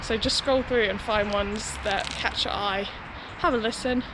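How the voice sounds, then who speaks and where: A woman's voice: medium pitch, fairly even intonation, measured pace. A young woman chatting casually to her vlog audience in a hedging, conversational way, recorded outdoors. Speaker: running vlogger. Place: outdoors beside a busy city road. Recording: outdoor street noise, passing traffic.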